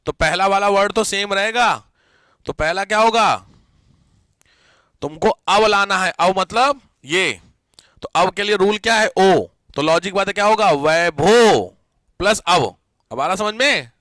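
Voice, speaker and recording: A man's voice: high-pitched, measured pace, dry recording, studio quality. A man teaching a live grammar class, quizzing and teasing his students as he goes. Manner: lively, teasing, questions students often.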